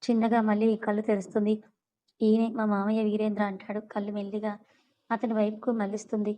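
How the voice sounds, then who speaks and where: Lady narrating a story serial, reads everyone's lines herself, kinda flat, mellow. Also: medium pitch, brisk, rough recording. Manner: reads all characters' dialogue in her own voice.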